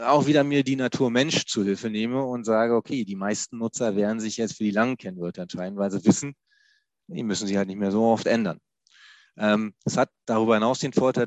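Low-voiced man explaining, halting. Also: no echo. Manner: hesitant, many fillers and restarts. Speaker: IT security expert guest. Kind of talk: technical explanation in conversation.

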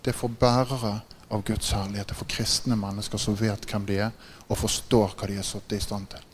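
A man preaching a sermon, telling stories with growing excitement, laughing often and checking in with listeners by asking "right?". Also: a little hiss or hum. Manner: gets louder and higher in excited passages. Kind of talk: sermon with animated storytelling.

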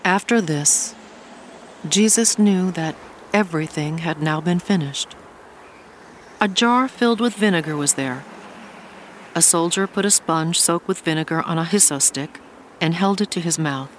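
A woman narrating a radio drama in a solemn, measured way. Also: on the low side, a little hiss or hum. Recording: music underneath.

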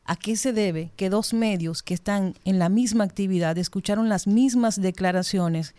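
Female panelist, mellow medium-pitched voice, earnest and articulate, closely recorded dry sound. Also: moderate pace, dry recording. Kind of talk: panel discussion, earnest opinion.

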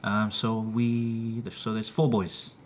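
A man's voice: lowish voice, level tone, takes it slowly, slight background noise. A man with a New Zealand accent, a jokey, self-deprecating podcast guest who laughs easily. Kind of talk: casual interview chat.

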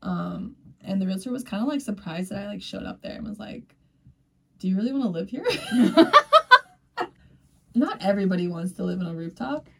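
Young woman, podcast host, casual and chatty, mid pitch, a touch off-mic. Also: expressive, normal speed, creaky, dark tone, husky, far from the mic. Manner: chatty, laughs often, acts out quoted dialogue. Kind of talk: casual chat.

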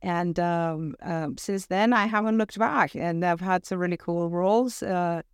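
A middle-aged woman from Venezuela speaks with an American accent as a podcast guest. Her voice is smooth and clear, and it sits dry and close to the mic. She sounds upbeat and thoughtful in casual talk. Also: on the low side, unhurried, no room sound. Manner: upbeat, thoughtful, frequent "you know" and "right?". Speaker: podcast guest, talent acquisition director. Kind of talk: casual interview chat.

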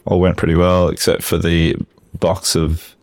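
A man co-hosting a casual podcast chat, gravelly and a little sick-voiced, talking in loose, laid-back rambles with easy laughs. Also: sits low, monotone, normal speed, no echo, clean studio sound. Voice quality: gravelly, says he has a sick voice. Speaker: podcast co-host.

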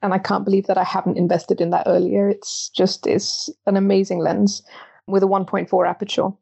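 A woman's voice: medium pitch, flat delivery, a little fast, vocal fry, mellow, slightly rough. A woman in her twenties from Belgium, a podcast guest who talks chattily and often breaks off to restart her thoughts. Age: 20s. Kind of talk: interview conversation.

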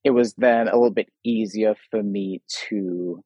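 A husky, slightly low-voiced man in his fifties talks through an interview in a thoughtful, earnest way. His voice is recorded close and dry, with no room around it. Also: fairly even intonation, normal speed, dark tone, no echo, muffled recording. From Trinidad. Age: 50s. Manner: thoughtful, earnest, leans on "sort of" and "you know". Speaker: guest artist. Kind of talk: reflective interview talk.

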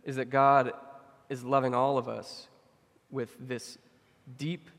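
Young male pastor, loose and conversational preaching, middle-pitched voice, hall reverb. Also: slow pace. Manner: conversational, many fillers, animated when telling stories. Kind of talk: sermon.

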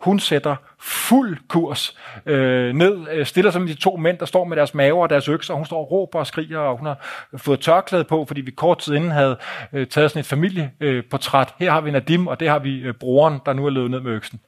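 Male storyteller, live talk, blunt and vivid, cursing, slightly high voice. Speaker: speaker telling a travel story.

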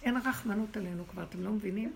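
A woman's voice: medium pitch, creaky. A middle-aged woman teaching a religious women's class, exhorting and challenging her listeners. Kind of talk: spiritual class with questions from listeners. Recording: noisy room recording.

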